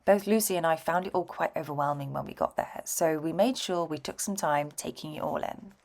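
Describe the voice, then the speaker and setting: A young woman narrating her travel vlog in a relaxed, reflective voice-over. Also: low voice, brisk, vocal fry. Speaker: vlogger narrating her trip.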